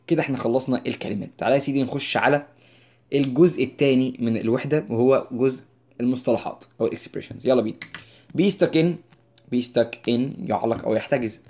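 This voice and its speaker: A man's voice: mid-range voice, fast. A young man with an Egyptian Arabic accent teaching an English vocabulary lesson. He reads each word out and explains it in casual colloquial Arabic. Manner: jumps between louder and softer delivery.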